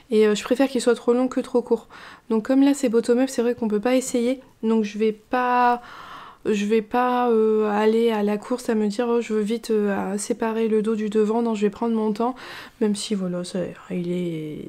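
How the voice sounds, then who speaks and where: A relaxed woman talks through her knitting in a chatty vlog. Her voice is mellow and somewhat high, and she meanders with fillers and restarts in an easy, unhurried way. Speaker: knitting vlogger. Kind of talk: casual chat.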